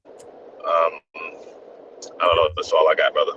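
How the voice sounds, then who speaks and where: A man's voice: extremely low pitch, completely flat delivery, slow pace. A man co-hosting a casual chat over a call line that keeps breaking up, talking in a laid-back way with lots of fillers. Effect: breaking up over a choppy call connection. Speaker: podcast co-host. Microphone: remote call. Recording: dull lo-fi call with loud noise.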